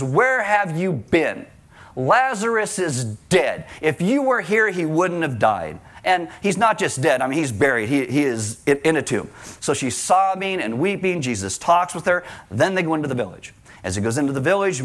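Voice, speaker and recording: A middle-aged male pastor delivers a sermon in an easygoing, conversational style. His voice sits a bit high for a man, and he jumps into little acted-out quotes and wry asides.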